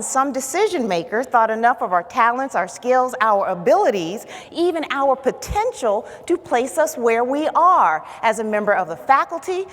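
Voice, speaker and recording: A woman giving a conference keynote, telling a personal story with dramatic swings from hushed to emphatic. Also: high-pitched. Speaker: keynote speaker. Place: large conference hall. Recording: hall reverb.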